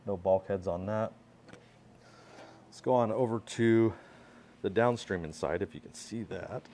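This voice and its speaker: In his workshop, a pressure washing skid builder films a relaxed walkaround of his own equipment on a handheld phone, pointing out details as he goes. He talks in an unhurried, mellow way, his voice fairly low. There's slight background noise.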